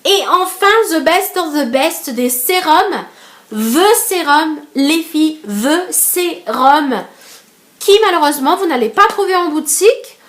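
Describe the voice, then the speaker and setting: A young woman from Madagascar with a high voice chats through a casual beauty review vlog. She fills the gaps with hesitations, restarts her sentences and talks straight to her viewers as girls. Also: normal speed, a bit bright. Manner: chatty, many fillers and restarts, addresses viewers as girls. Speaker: beauty vlogger.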